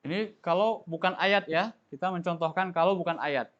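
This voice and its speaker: High-voiced male tajwid teacher, lo-fi. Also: moderate pace, a bit bright. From Indonesia. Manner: explains patiently, asks students questions and has them repeat. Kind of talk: classroom lesson. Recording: dull lo-fi recording.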